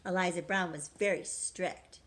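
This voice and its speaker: A woman teacher gently reads a rhyming picture book aloud to young children, pausing to ask them questions. Her voice is on the low side with a steady tone, and her reading stays engaging.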